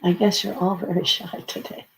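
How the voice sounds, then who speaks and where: A host of unclear sex leading a live guided relaxation session in a gentle, halting, unscripted way with pauses. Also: mid-range voice, flat delivery, vocal fry, a little hiss or hum, poor audio. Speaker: spiritual session host leading singing bowl meditation.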